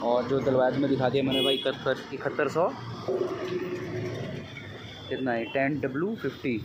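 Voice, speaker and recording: With heavy background noise behind him, a young man speaks at a moderate pace in a steady, medium-pitched voice. He's a chatty motovlogger recording casual phone-camera narration at a bike service shop, addressing viewers as brother again and again.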